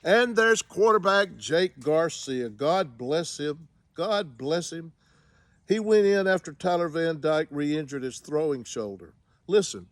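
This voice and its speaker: A man's voice: on the high side, no room sound. A man giving a casual spoken review of a football game, with wry, sarcastic humor.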